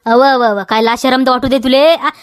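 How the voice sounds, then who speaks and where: A woman's natural, high-pitched voice moves briskly with fairly even intonation, captured in clean studio sound without room echo. In a comedy sketch, she uses a Vidarbha Marathi accent to play a village farmer man guarding his field. He's insistent and nagging, repeating demands and tagging "हा?" on every line.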